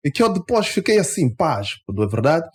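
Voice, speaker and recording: A man with an Angolan Portuguese accent, speaking as a guest in a radio studio interview, emphatic and climbing sharply in pitch when he is indignant. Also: big pitch swings, a little fast. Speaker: interview guest, party member.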